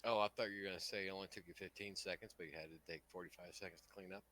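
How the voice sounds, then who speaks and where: A man's voice: deep voice, fairly even intonation, rapid-fire, bright, forceful tone. A man joking playfully with friends over an online voice call. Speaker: tabletop game player. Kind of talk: casual chat before a game session.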